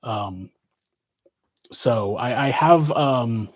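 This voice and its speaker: A podcast host with a West Coast American accent fields questions at a live Q&A, his mid-range voice stretching out words. He answers casually and rambles, full of fillers and restarts.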